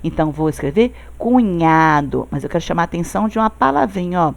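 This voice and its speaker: Uma professora brasileira de espanhol, que explica devagar e sempre confere com os alunos. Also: female voice, fairly low pitch, expressive, gravelly. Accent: Brazilian Portuguese. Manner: explains slowly, checking with "tá certo?". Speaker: Spanish teacher. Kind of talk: recorded online class.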